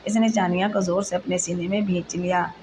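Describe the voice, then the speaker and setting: Woman reading a novel, flat low voice. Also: brisk. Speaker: narrator. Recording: steady background noise.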